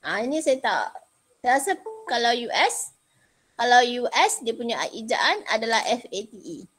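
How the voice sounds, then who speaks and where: A woman's voice: fairly high pitch, big pitch swings, moderate pace, fairly bright tone, husky. A middle-aged woman with a Malaysian Malay accent teaching an informal online lesson, chatty, repeating points and mixing in English terms. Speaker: chemistry teacher. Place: indoors, on a video call.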